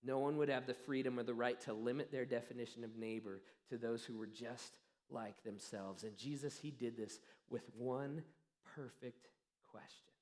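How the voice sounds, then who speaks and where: A pastor preaching a sermon, telling a story earnestly with dramatic pauses that trail off softly. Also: male voice, medium pitch, steady tone. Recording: long reverb of a church hall.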